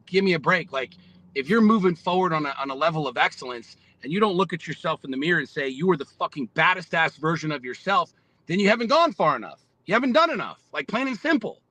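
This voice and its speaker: A man in his forties, his voice a little high, sharp, animated and fast, appears as a guest on a casual podcast. He talks bluntly, swears a lot and sounds fired up and motivational. The recording is rough but has no echo.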